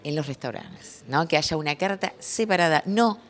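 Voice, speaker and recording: A woman's voice: deep voice, lively intonation, moderate pace. Chatty woman interviewing at a festival. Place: beer festival hall, indoors. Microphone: handheld mic.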